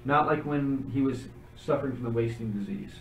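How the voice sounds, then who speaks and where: A man's voice: medium pitch, brisk, echoey room, distant mic, poor audio. A man narrating as game master of a tabletop game, describing things in a loose, conversational way.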